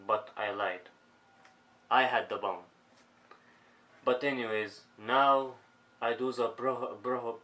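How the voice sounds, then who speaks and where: A man voicing a troubled adult man who confesses his vices in halting broken English. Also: medium pitch, sharp tone, rough recording.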